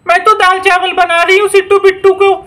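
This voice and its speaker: A man puts on a homely mother in a doll story, her voice very high and bright. She answers simply and sweetly, in an even tone with little rise and fall. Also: brisk. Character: kind homely mother cooking. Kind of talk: toy-doll story voice acting.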